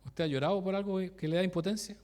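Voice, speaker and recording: A man preaches in a relaxed, informal way, restarting phrases as he goes. His voice sits somewhat high for a man. He turns to his listeners with direct questions and chuckles at his own anecdotes. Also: fast talker. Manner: informal, self-interrupting, laughs at his own stories; asks the congregation direct questions. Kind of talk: conversational sermon with personal stories.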